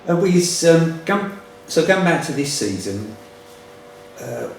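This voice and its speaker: Halting male interviewer, heavy room echo. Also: fairly high pitch, very animated. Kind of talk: casual podcast questioning. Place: reverberant indoor room. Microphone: distant from the speakers. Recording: very echoey room, distant mic, faint noise.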